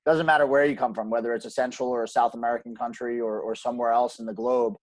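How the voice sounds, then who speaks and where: A man's voice: medium pitch, steady tone, fast, no echo. Emphatic man in a dry interview. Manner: earnest, emphatic, frequent restarts and ums. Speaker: podcast guest, gym co-owner. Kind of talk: conversational interview.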